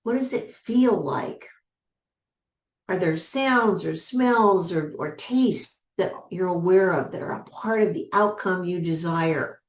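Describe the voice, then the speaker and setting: A woman business coach giving a motivational teaching talk, measured and repeating key words for emphasis. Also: on the low side, echoey room.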